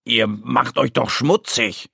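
A man's voice: medium pitch, steady tone, slow, creaky, pushed and bright, breathy edge, no room sound, studio quality, exaggerated voice. A man voicing a small, whiny young bear cub in a children's story. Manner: whiny, complaining.

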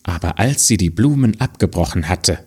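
A man reading a fairy tale aloud in a slow, expressive storytelling manner. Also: low voice, breathy edge.

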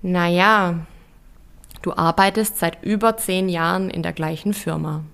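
A woman voicing Herbert, a pushy male companion who nags with probing questions, in a slow audio story. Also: fairly low pitch, fairly even intonation, creaky, a bit bright, clear, resonant tone. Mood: nagging. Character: nagging blunt male companion.

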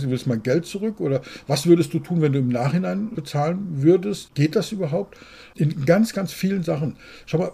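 Male consultant, podcast co-host, blunt and direct, dark husky tone. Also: fairly high pitch. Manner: blunt, outspoken, animated storytelling. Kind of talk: casual podcast conversation.

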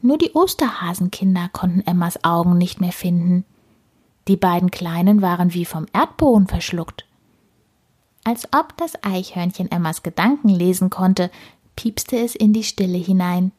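A woman reading a children's story aloud in a soft, hushed storytelling manner. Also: on the low side, expressive, normal speed, husky.

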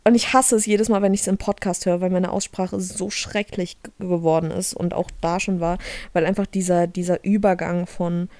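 Co-hosting a podcast, a young woman from Germany chats loosely, with frequent laughter and sentences she drops and restarts. Her voice is on the low side and darkish, with fairly even intonation and a moderate pace, in a dry recording.

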